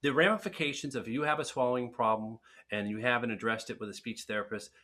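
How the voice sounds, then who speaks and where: In a casual webinar Q&A, a man fields viewer questions about speech and swallowing, giving frank, direct advice and often restarting his sentences. His medium-pitched voice is fast, pushed and bright.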